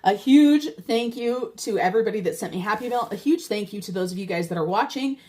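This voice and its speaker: A woman's voice: medium pitch, lively intonation, fairly quick, mellow. An older woman chatting casually as a vlogger, heartfelt and talking straight to her viewers. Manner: chatty and heartfelt, addresses viewers as you guys. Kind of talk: casual chat.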